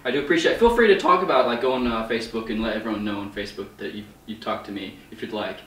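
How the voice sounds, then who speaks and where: A man's voice: lowish voice, very fast, a bit bright, echoey room, distant mic, a little hiss or hum, rough recording. A man posing as a TV producer on a prank call, hesitant and stammering in a put-on producer voice.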